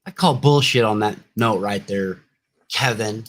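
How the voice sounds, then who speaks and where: A man's voice: fairly low pitch, measured pace, fairly bright tone. A man hosting a live online panel chat, blunt and joking, swearing freely.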